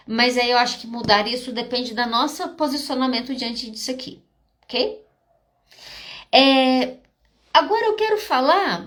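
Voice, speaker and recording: A woman's slightly bright voice that sits high belongs to a Brazilian psychologist with a Brazilian Portuguese accent. Hosting a live podcast, she fields audience questions in a direct, emphatic way, checking in briefly with listeners to land her points.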